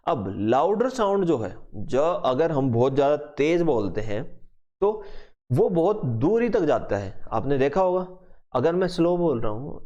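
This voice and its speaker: A man's voice: on the high side, a little mellow. Male teacher lecturing, lo-fi sound. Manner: explains in mixed Hindi and English, asks students questions. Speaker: physics teacher. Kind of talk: online class lecture. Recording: dull lo-fi recording.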